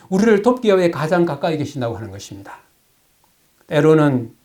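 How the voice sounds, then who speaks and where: Brief: male pastor with a high voice, preaching a sermon, asks questions and answers them himself. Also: a little mellow. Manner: reads scripture aloud slowly.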